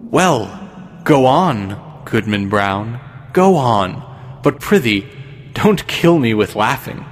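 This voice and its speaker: The devil in the shape of an older traveler, as a male reader plays him, sly and mocking in archaic speech. He talks slowly and smoothly, and a long reverb hangs on every word. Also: mid-range voice, sing-song.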